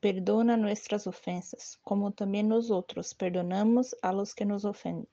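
Woman prayer leader, deep mellow timbre, steady devotional recitation, muffled lo-fi recording. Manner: measured, steady recitation with a human slip.

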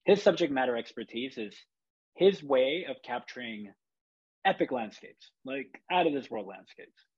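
Hombre de voz ronca, charla relajada. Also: male voice, medium pitch, lively intonation, normal speed, slightly rough, dull audio. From Chile. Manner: rambling, reflective, with many fillers and restarts. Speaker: photographer. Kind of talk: casual podcast chat.

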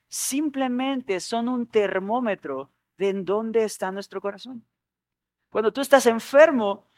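A man's voice: high voice, dry recording, clean studio sound. A man preaching a Sunday sermon, earnest and repeating his key points with small stammers. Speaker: pastor.

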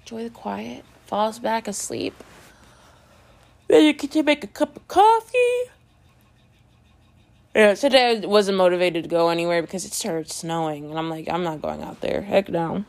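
A woman talking casually to her viewers in a relaxed vlog. She tells gossipy stories with plenty of fillers and acts out the voices of the friends involved. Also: mid-range voice, normal speed, gravelly, pauses often. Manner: chatty, gossipy storytelling with lots of fillers. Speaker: vlogger.

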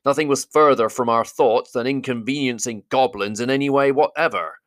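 A man's voice: medium pitch, moderate pace, fairly bright tone, dry recording, clean studio sound, voice pushed up, lightly acted. A man voicing a proud male dwarf leader in an audiobook reading, speaking formally and courteously in a raised voice. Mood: stiffly polite. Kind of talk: audiobook character voice.

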